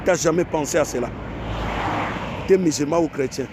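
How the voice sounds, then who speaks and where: Man from Africa, fairly high voice, emphatic online monologue, repeats himself, rhetorical questions, faint outdoor noise. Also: moderate pace. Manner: repetitive, exhorting, rhetorical questions. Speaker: online commentator.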